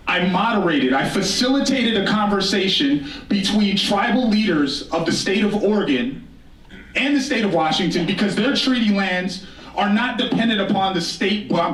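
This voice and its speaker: Picked up by a distant mic in a roomy, echoing indoor venue, an American man from the Northern Plains gives a live stage talk. His quite high, slightly bright voice is expressive at normal speed as he tells stories conversationally, with wry humour and repeated phrases for emphasis.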